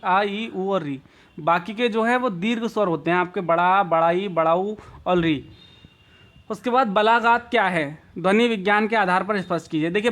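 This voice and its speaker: High-voiced Indian man teaching exam prep. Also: a bit bright. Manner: explains slowly, repeats and rephrases answers, drawn-out examples.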